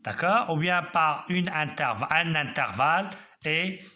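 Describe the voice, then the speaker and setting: A man teaching a math lesson, explaining slowly step by step and checking that students follow. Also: fairly high pitch, animated, sharp tone.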